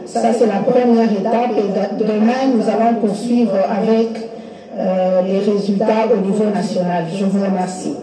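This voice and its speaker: Slow official reading vote counts. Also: male voice, sits high, fairly even intonation, very echoey, distant mic, noisy background. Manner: slow, measured listing with pauses. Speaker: election official reading results.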